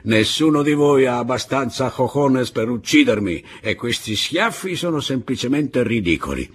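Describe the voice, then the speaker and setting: A man voicing a drunken, bitter male guerrilla who taunts loudly, in an audiobook reading. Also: mid-range voice, expressive, normal speed, breathy edge, pitched above the performer's own voice. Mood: sneering. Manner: mocking, taunting, raised and loud.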